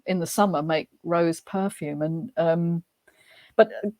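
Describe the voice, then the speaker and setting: A woman, a guest author speaking thoughtfully in a relaxed interview, often pausing and restarting her sentences. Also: fairly low pitch. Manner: thoughtful, hesitant, many restarts. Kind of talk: casual interview chat.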